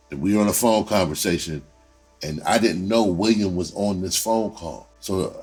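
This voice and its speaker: A deep-voiced man with a breathy edge recounts something that happened to him, full of profane, casual slang. He says things more than once and performs the dialogue along the way, all over background music.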